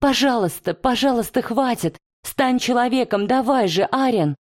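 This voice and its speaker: A woman's voice: fairly high pitch, expressive, takes it slowly, dry recording, studio quality, pitched above the performer's own voice. A woman voicing a desperate young woman begging her beloved to stop. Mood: pleading. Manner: frantic, pleading.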